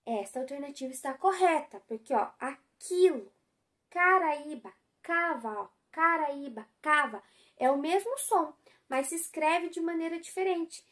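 Slow, high-voiced Brazilian woman teacher. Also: fairly bright tone. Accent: Brazilian Portuguese. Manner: patient, explanatory, stretches words slowly. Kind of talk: school lesson explaining spelling exercises.

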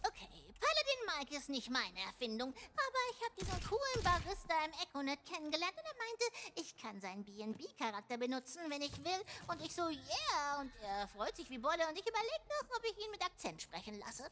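A woman voicing an excitable young girl who narrates a fantasy tabletop game in a video game, in a bubbly, chatty way. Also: high voice, fairly quick, few pauses, background noise. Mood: excited.

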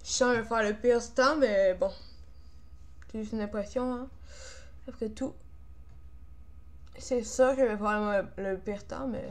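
A woman's voice: on the high side, unhurried, long pauses. A young woman with a Quebec French accent doing casual gaming commentary, frustrated, grumbling and swearing as she plays. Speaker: gamer, video creator.

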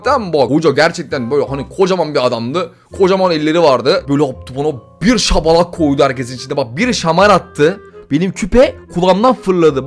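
Fast-talking animated young man. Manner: animated, slangy, quick comic storytelling with swings in pitch. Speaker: YouTuber telling embarrassing stories. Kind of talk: comic storytelling monologue.

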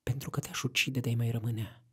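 A man's voice: medium pitch, steady tone, husky. A man voicing a sly, playful young woman in a storybook reading, with a light and coaxing delivery. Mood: teasing.

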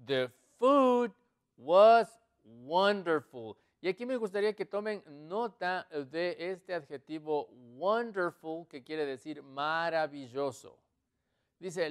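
A man teaching English in an online lesson, explaining slowly and repeating each example sentence. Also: on the high side, clean tone.

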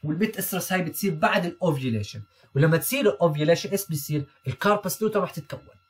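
A man's voice: on the high side, expressive, racing, breathy edge. A young man tutoring veterinary students over slides, repeating key terms and checking in often. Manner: mixes English medical terms into Arabic. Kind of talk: recorded lecture over slides.

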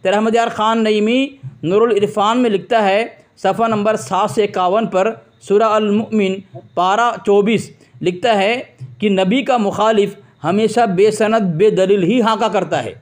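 A man's voice: high voice, steady tone, unhurried. A man arguing on a phone debate, combative, mocking and repeating himself to interrupt. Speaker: debate host on phone call. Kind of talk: heated religious phone debate.

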